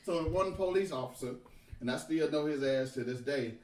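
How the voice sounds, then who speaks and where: A man telling a profane, animated story on a podcast and laughing often. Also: fairly high pitch, normal speed, distant mic. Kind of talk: casual storytelling. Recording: echoey room, off-mic.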